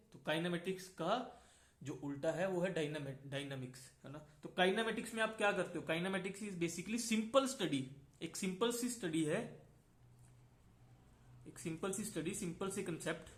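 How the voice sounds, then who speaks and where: A man with a fairly high voice teaches a physics class and moves through each idea step by step. He keeps checking that his students are following him. The recording has a roomy echo. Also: expressive, normal speed, a bit bright. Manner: explains step by step, often checks in with "है ना". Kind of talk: classroom lecture mixing Hindi and English.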